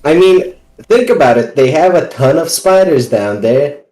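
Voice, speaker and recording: A man taking part in an online tabletop game trades wisecracks in loose, casual banter. His voice is mellow and dark in tone. The mic picks up a roomy, echoey space around him. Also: on the high side, expressive, normal speed, soft background music. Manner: wisecracking, joking. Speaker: player.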